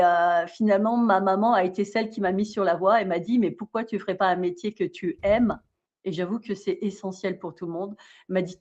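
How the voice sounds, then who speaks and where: A woman's voice: mid-range voice, darkish tone. A woman raised in Australia, a bison farmer, explaining her work at length in a casual interview, and laughing easily. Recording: dull lo-fi sound.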